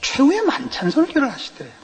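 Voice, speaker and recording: A man's voice: very high voice, huge pitch swings, fast talker, creaky. A middle-aged man preaching an expository sermon, telling humorous anecdotes and asking the congregation rhetorical questions. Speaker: pastor. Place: church sanctuary. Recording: reverberant church hall.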